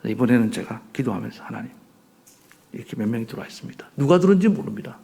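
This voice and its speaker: Gravelly animated male pastor preaching. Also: medium pitch, fast. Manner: animated preaching, swinging between soft near-whispers and loud outbursts. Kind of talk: sermon.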